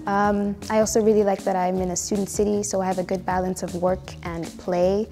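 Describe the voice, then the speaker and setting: A woman's voice: mid-range voice, little pitch movement, brisk, mellow. A nineteen-year-old woman from Zimbabwe, a student chatting upbeat about her university. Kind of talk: casual interview answers. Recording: background music under the voice.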